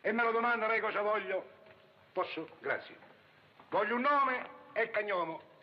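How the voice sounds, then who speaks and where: A man's voice: high-pitched, normal speed, muffled recording, a little hiss or hum, close to an everyday voice. An actor playing a forgetful male patient, a war veteran who garbles his words in comic malapropisms, on an old film soundtrack.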